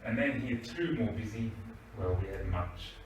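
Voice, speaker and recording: A man's voice: fairly low pitch, normal speed, a little hiss or hum. A man teaching English grammar to a class, patiently asking "right?" as he checks that the class follows. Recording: echoey room, mic far off.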